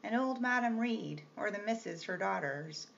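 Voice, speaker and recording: Woman reading as a gruff, teasing gentleman. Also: high voice, expressive, a little slow, voice pushed up, full character voice. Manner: gruff, mocking, commanding. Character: brusque, teasing wealthy gentleman employer. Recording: slightly muffled with faint hiss.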